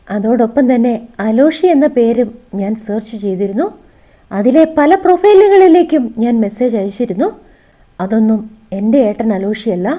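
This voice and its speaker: An eager young daughter speaks with hope in a storybook reading, as a woman narrator voices her. The lines sit high and a little slow, with a warm, mellow color. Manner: eager, hopeful.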